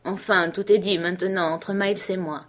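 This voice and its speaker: A woman narrating an audiobook in a measured, dramatic reading voice. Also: lowish voice, steady tone. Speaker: audiobook reader.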